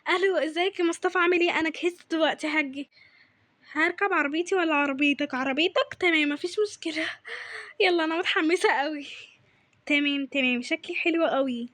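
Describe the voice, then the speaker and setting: A woman's voice: sits high, quick pace, dry recording. A woman playing a bubbly young Egyptian woman. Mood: excited. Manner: bubbly, excitable. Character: excited young woman, dutiful daughter.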